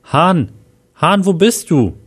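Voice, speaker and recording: A man voicing an angry male police investigator who shouts in a raised voice. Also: mid-range voice, expressive, a little slow. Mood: alarmed.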